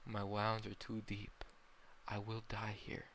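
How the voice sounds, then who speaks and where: A man playing a dying father and swordsman, giving short, solemn commands in a low, gravelly voice. The tone stays bright and firm, close to the reader's own speaking voice, as in a homemade storytelling video. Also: completely flat delivery, takes it slowly, a little hiss or hum. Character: dying father, calm stern older swordsman.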